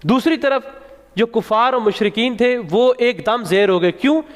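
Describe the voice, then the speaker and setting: A man tells a religious story on a Ramzan broadcast, with rising emphasis on key points. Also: very high voice. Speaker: religious speaker on a Ramzan show. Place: TV studio set. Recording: long hall reverb.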